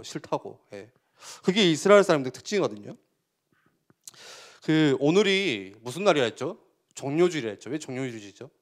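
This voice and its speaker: A man giving a youth sermon, asking the listeners questions and acting out quotes with sudden loud bursts. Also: on the high side. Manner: animated, asks the listeners questions. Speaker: youth pastor.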